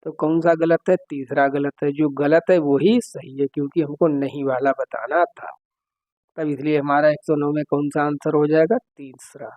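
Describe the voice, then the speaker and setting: A man with a somewhat high voice teaches an exam-prep lesson. He explains each question step by step and keeps checking that his students follow. The recording is dry and close, with a slightly dull tone. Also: steady tone, normal speed, a little mellow, dry recording.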